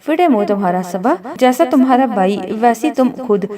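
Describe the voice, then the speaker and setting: A woman's voice: on the high side, lively intonation, moderate pace, a crowd in the background, natural voice. A woman voicing a hot-tempered, sulky young wife. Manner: indignant, snappy.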